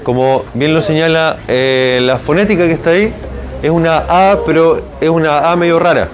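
A man's voice: a little high, normal speed. A man with a Chilean accent teaching a hybrid university class, drilling pronunciation by repeating words and often asking for agreement. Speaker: university lecturer.

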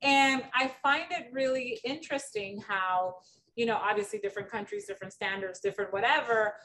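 Middle-aged woman hosting a chat, kinda high voice, sounds far from the mic w/ a little background noise. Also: a little fast, fairly bright tone. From Dominican Republic. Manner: chatty, storytelling, many fillers. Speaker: podcast host. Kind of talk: casual conversational interview.

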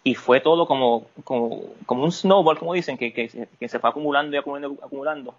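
A man, a podcast guest speaking candidly about personal matters, halting and restarting often. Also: mid-range voice, muffled recording. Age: adult. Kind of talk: personal interview talk.

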